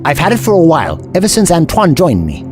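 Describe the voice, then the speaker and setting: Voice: mid-range voice, wildly swooping pitch, fast, music in the background. A performer in an audio drama playing the Doctor, an eccentric, kindly time traveller who explains things in a wordy, scholarly way. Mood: grave, reflective.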